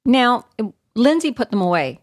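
A middle-aged woman, co-hosting a casual chat podcast, animated and quick to get riled. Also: a little high, dry recording, studio quality. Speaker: podcast co-host.

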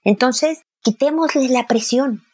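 A husky, high-pitched woman gives parenting advice to a single listener, whom she addresses by name. Her delivery is a little slow and a little mellow, but direct and explanatory, and she acts out sample dialogues.

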